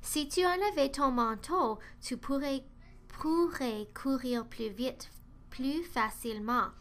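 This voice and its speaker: A woman's voice: high voice, slow, a bit bright. A woman voicing a friendly schoolteacher in a storybook reading, helpful in tone.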